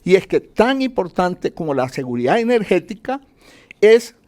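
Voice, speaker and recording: A man's voice: high voice, big pitch swings, normal speed, a little mellow. A man speaking as an economist in an interview, explaining point by point and answering his own questions. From Colombia. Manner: didactic, poses questions and answers them, enumerates points.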